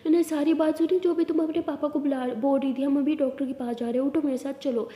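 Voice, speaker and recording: A worried middle-aged mother, firm and scolding, voiced by a woman narrating a story. High, mellow voice carried in a roomy, long reverb. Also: steady tone, fast talker, close to an everyday voice. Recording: echoey room with long reverb.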